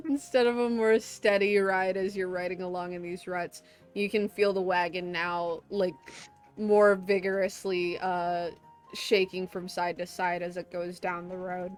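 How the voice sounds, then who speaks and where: A woman narrating a tabletop game as game master, slow and halting with fillers. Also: fairly low pitch, steady tone, faint music behind.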